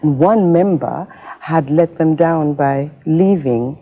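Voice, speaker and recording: Low-voiced woman from Jamaica, old TV tape. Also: slow. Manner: chatty, self-mocking, many fillers. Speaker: singer, interview guest. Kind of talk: casual interview storytelling. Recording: dull lo-fi 1980s TV tape.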